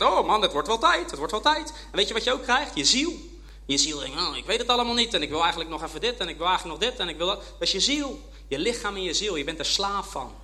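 A man preaching a sermon as a guest speaker, passionate, swinging from loud emphatic peaks to soft intimate passages, with frequent amens. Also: high voice. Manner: punctuates with frequent "amen". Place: church service with congregation.

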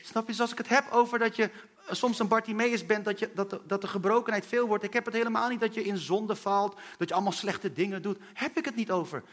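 A man's voice: high voice, steady tone, fast. A man preaching a sermon in an earnest, personal way and speaking straight to his listeners.

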